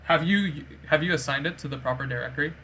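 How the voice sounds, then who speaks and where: A man's voice: fairly high pitch, fast, sharp tone, a little hiss or hum. A man hosting an online gaming event, chatting casually and giving players instructions. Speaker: community game event host. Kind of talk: casual game event chat and organizing. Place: online voice chat during a game.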